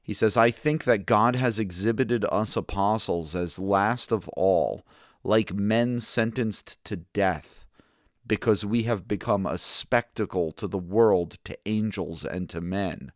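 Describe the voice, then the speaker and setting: A man with a lowish voice teaches through scripture in a relaxed, conversational style. He thinks out loud, circles back to restart his phrases, and keeps checking in with listeners. The sound is close and dry, with no room around it. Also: slow pace, no room sound. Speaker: podcast host teaching through a Bible reading plan. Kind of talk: casual Bible teaching commentary.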